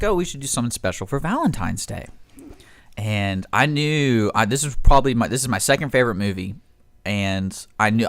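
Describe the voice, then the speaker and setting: A man with a lowish voice hosts a casual live radio show from a studio, rambling and frequently interrupting himself as he tells stories. There is no echo.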